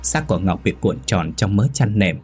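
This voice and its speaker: A man narrating a horror story as a steady storyteller. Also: deep voice, moderate pace, husky, soft background music.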